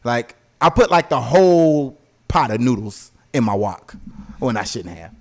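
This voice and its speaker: In a mid-range, darkish voice that's sing-song and a little slow, a podcast host tells stories. His talk is casual, slangy and profane, and he repeatedly asks "you know what I'm saying" to check that listeners follow.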